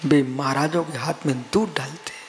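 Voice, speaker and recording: A man's voice: fairly high pitch, steady tone, normal speed, a little hiss or hum. A man, a Jain monk from India, giving a live sermon in a rhythmic, repeating way and calling on listeners by name. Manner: rhythmic chanting, repetition, addresses listeners by name. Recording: long hall reverb.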